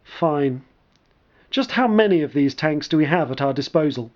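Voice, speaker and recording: A man's voice: fairly high pitch, lively intonation, normal speed, lightly acted. A man voicing an older, gung-ho male army commander who talks bluntly and confidently, in a dull lo-fi recording. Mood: questioning.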